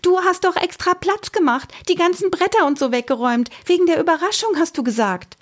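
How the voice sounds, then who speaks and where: Polly, a high-pitched stubborn little girl, as a woman reads her. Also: a little fast. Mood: insistent. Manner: high, insistent and whiny.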